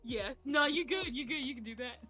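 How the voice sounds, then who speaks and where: A woman's voice: high-pitched, expressive, a little fast, pushed and bright, faint music behind. A woman guest on a stream, chatting casually in a playful, teasing way. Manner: playful, teasing, laughs a lot. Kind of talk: casual chat.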